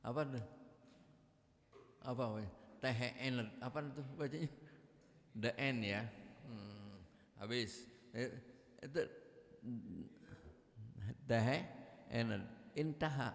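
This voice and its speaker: A man's voice: medium pitch, slow, pauses often. A man, preaching in a mosque with humor and acting out quoted dialogue. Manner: jokey, acts out quoted dialogue. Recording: echoey mosque hall.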